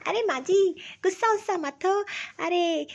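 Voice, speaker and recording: A woman's voice: very high voice, unhurried, gravelly, heavily acted. A woman voicing a sly young daughter-in-law in a cartoon, sweet-talking and soothing. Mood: coaxing. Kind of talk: cartoon voice acting. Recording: slightly dull lo-fi audio.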